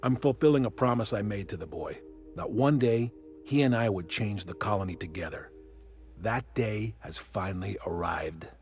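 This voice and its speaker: Casting: man as older pompous revolutionary for game dialogue, condescending speechmaker, clear music underneath. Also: lowish voice, normal speed, a little mellow, natural voice. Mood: grand, persuasive. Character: grizzled old male revolutionary, condescending and grandiose.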